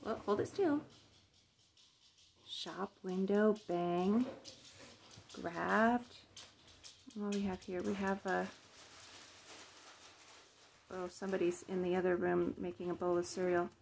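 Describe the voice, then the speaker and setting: A woman patiently helping a child with reading, gently prompting and explaining words in casual talk. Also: on the low side, fairly even intonation, slow, creaky, pauses often, a little hiss or hum. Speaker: parent helping a child read. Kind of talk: casual reading coaching at home.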